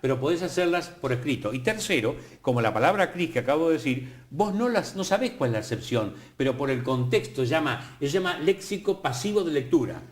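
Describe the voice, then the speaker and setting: An older Argentine man lectures in a professorial, lively way on a TV talk show. His voice sits a little high for a man. The studio sound is roomy, with echo around him. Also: fairly quick, few pauses. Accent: Argentine Spanish. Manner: professorial, lively, playful asides. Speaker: guest, academy president. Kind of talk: explanatory TV studio conversation.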